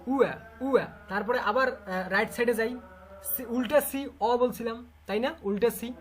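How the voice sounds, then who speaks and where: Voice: mid-range voice, moderate pace, faint music behind. A teacher with a Bangladeshi Bengali accent giving an online class, repeating sounds over and over and quizzing students. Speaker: English literature teacher.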